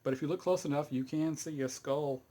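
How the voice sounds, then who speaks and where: Speaking a little fast in a slightly high but dark-toned voice, this middle-aged man with a Texas accent demonstrates fidget spinner cleaning for YouTube. The casual how-to is rambling and folksy, full of fillers and frequent chuckles.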